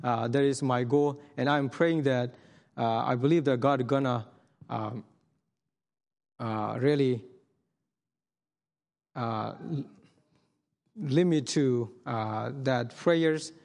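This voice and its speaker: A missionary preaches a sermon testimony in a hall, his mid-range voice gravelly and a little mellow. He is earnest but halting, restarting often and filling gaps. Long hall reverb trails his words.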